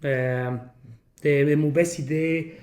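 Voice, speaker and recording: A man hosting a casual podcast in French as a second language, with a foreign accent and halting, searching phrasing peppered with English words. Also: fairly high pitch, fairly even intonation, a little mellow. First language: not French. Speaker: podcast host.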